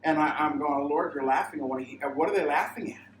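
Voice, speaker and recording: A man's voice: a little high, fast. A man delivers a sermon-style testimony at a mission training, wandering through his story and slipping into the voices he quotes. He is picked up from a distance, so the room echoes around him. A faint hum of ambience sits under his voice. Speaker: pastor. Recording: roomy sound, mic far off, faint ambience.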